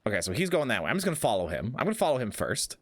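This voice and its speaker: Animated male gamer, dry close sound. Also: medium pitch, very fast, no room sound. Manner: playful, muttering asides to himself. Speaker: gaming streamer. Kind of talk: casual playthrough commentary, chatting with viewers.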